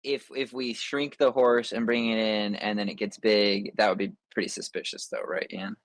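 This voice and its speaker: A man's voice: lowish voice, level tone, normal speed, dry recording. A man playing in a tabletop game, chatting casually and making dry jokes to the game master. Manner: joking, dry asides. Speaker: player.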